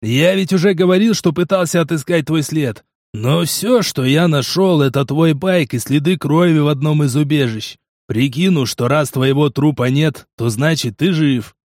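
A man reading the part of a gruff, sarcastic male mercenary partner in an audiobook. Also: a little high, normal speed, a little mellow, no room sound, studio quality, close to an everyday voice.

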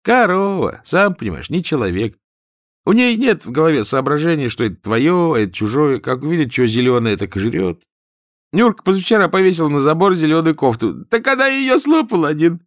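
A man's voice: on the high side, big pitch swings, a little fast, dry recording, clean studio sound, pitched above the performer's own voice. A man voicing a simple-hearted young village soldier who reasons in a folksy, colloquial way. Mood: coaxing reasoning.

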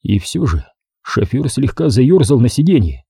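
A man narrating an audiobook crime story in a steady, expressive manner. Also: medium pitch, normal speed, vocal fry, slightly rough, no echo, clean studio sound. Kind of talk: scripted narration.

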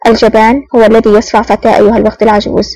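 A woman's voice: on the high side, monotone, very fast, mellow, poor audio. A woman voicing a cool, sardonic male intelligence officer in disguise in an audiobook, mocking and self-assured.

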